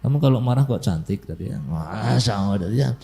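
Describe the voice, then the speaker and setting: A man's voice: fairly low pitch, animated, quick pace, creaky, warm tone. A man giving a casual sermon, chatty and jokey, acting out little household scenes and ending each point with a filler tag. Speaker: Islamic preacher.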